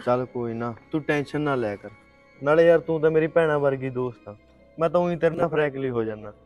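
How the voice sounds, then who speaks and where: A man's voice: on the high side, quick pace, highs cut off, faint music behind, natural voice. A young man in a short film playing a caring college friend who reassures her. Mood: soothing. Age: young adult.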